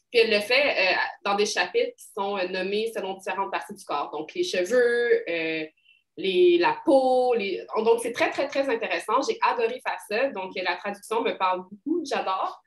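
Woman, québécois accent, thirties, rambling and casual, roomy echo. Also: mid-range voice. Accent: Québécois French. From Quebec. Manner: rambling, many fillers and restarts. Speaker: poet, interview guest. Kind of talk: casual interview talk.

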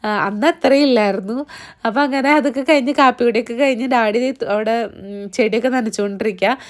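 Young woman, hoarse, chatty vlog narration, fairly high voice. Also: brisk. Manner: chatty, fills with "appo" and "kettō". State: voice partly gone, hoarse. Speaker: vlogger.

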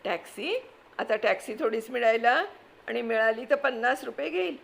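A woman voicing a bossy middle-aged wife who scolds and commands her husband in a sharp manner, read from a storybook. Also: fairly high pitch, lively intonation, moderate pace, creaky, pitched above the performer's own voice. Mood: scolding. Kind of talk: storybook reading.

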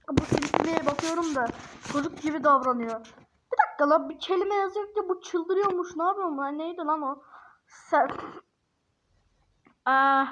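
A woman giving casual commentary for a video, teasing and exasperated, laughing often, drawling words slowly as she dictates what to type. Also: sits high, a bit bright, slight background noise. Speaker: YouTuber. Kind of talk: casual screen-recording commentary. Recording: dull lo-fi recording.

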